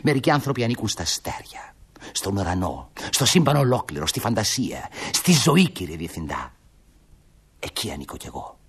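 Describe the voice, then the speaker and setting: Husky, flustered young dreamer, lively pitch swings. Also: male voice, exaggerated voice. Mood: dreamy. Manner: dreamy and grand, then frantic and pleading on the phone.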